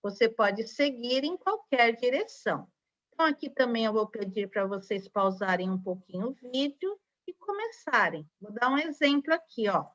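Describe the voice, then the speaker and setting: A woman's voice: fairly high pitch, lively intonation, normal speed, fairly bright tone. A woman with a Brazilian Portuguese accent teaching a recorded online lesson to young children, patient and spelling out syllables. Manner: patient, spells out syllables, frequent tag questions. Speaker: primary school teacher. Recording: dull lo-fi recording.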